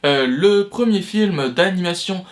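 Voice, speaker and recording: A man's voice: sits high, lively intonation, measured pace. A young man hosting an educational video on film history, talking loosely with many fillers and restarts. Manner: loose, hesitant delivery full of fillers and restarts. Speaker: history of cinema video host. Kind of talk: casual educational talk.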